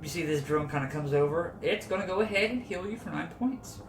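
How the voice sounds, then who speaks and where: Man, game master, higher pitch, casual tabletop narration, echoey room with faint noise. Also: lively intonation, brisk.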